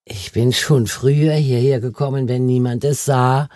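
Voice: medium pitch, steady tone, normal speed, warm tone, dry recording, lightly acted. An audiobook reader voicing a dry, loyal old male gardener who speaks plainly and matter-of-factly.

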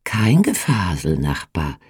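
Brief: gentle mysterious older woman, done by an audiobook reader, breathy and slow, dry close mic. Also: mid-range voice, big pitch swings, no room sound, voice pushed up, exaggerated voice. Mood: earnest gentle. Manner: soft, earnest. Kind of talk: audiobook reading.

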